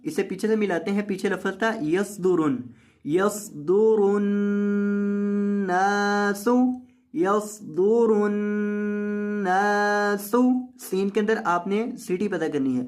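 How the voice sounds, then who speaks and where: A man teaching Quran recitation, patiently explaining each sound step by step and chanting the words slowly. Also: sits high. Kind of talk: tajweed lesson with slow recitation.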